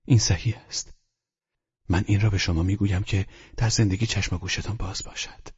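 A man voicing a hushed, husky older doctor. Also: on the low side, fairly even intonation, voice pushed up. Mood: hushed, tender. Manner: soft, hushed, often whispered. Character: older male doctor, calm and earnest. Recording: dull lo-fi recording.

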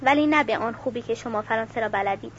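A woman's voice: fairly high pitch, dull audio, a little hiss or hum, close to an everyday voice. A woman reading the lines of a courteous young nobleman who lives in the trees.

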